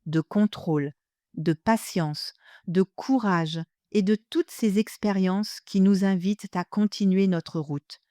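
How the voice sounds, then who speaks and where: With music in the background, an older German woman, a native speaker, reads her podcast script as host, speaking straight to the listener in a measured, reflective manner. Her voice is on the low side and mellow, recorded dry in a clean studio.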